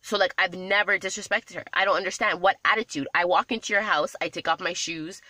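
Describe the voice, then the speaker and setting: A woman telling a story to camera in a casual vlog, exasperated and animated, often repeating herself. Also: on the low side, fairly quick, no echo. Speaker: vlogger.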